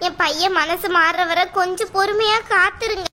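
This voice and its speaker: A woman voicing a gentle, apologetic middle-aged mother of the groom in a cartoon. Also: very high voice, steady tone, moderate pace. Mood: soothing. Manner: soft, apologetic, soothing. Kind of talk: cartoon voice acting.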